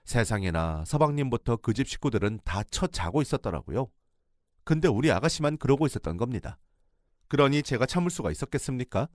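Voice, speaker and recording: A man's voice: mid-range voice, sing-song, brisk, darkish tone, no echo, studio quality. A man narrating a radio drama story in the first person, with dramatic storytelling.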